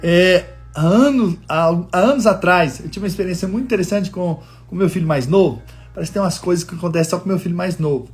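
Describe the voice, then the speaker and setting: Male pastor preaching, higher voice, husky tone, soft music behind, earnest storyteller. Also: fast talker. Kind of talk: sermon. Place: living in the United States.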